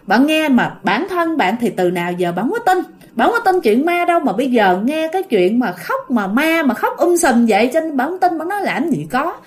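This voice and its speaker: A woman tells a ghost story as if chatting with friends, speaking right to her listeners. Her voice sits a bit high and swings up and down in pitch, getting lively at the scary parts. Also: fairly quick. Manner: chatty, addresses listeners directly, animated when telling scary parts. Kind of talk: casual spoken storytelling.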